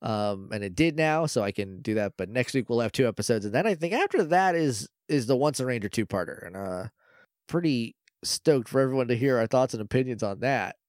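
A man's voice: medium pitch, animated, fairly quick, darkish tone, no echo, clean studio sound. A man with a nasal, blocked-nose sound hosting a casual podcast, rambling and joking at his own expense. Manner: rambling, joking, self-deprecating. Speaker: podcast host. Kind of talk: casual unscripted podcast chat.

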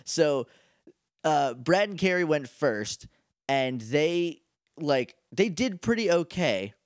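A man's voice: a little high, expressive, slow, no echo. Rambling, swearing American man, dry sound. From United States. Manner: rambling, profane, jokey storyteller. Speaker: podcast co-host. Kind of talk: casual chat.

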